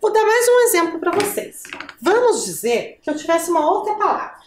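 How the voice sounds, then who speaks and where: A woman's voice: very high-pitched, sing-song, a little fast, roomy sound, a little hiss or hum. A woman teacher with a Brazilian Portuguese accent, giving a patient lesson to children and asking the viewer questions.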